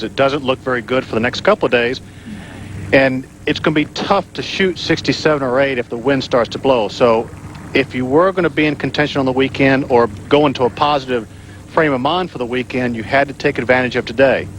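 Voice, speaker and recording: A man's voice: mid-range voice, brisk, fairly bright tone, a little hiss or hum, poor audio. A man working as a golf analyst, explaining technique in a conversational commentary style.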